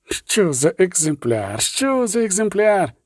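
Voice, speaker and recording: A man voicing an excitable, fussy male scholar who exclaims in shrill, drawn-out bursts. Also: no echo, studio quality. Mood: ecstatic.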